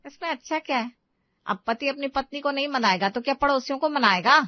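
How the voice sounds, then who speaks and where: A bossy middle-aged mother in a cartoon story, played by a woman, stern and quick to scold. The recording is dry and dull. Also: high-pitched, no echo, pitched above the performer's own voice, lightly acted.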